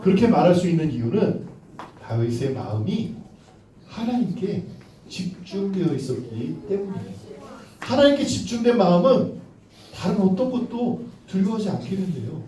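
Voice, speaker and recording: A man's voice: high-pitched, moderate pace, far from the mic. A man teaching Sunday school, telling a Bible story playfully and directing children who act it out. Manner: playful, animated, directs children on stage, laughs often. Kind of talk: children's sermon with acted story. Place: church room with children. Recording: echoey room, mic from afar, children behind.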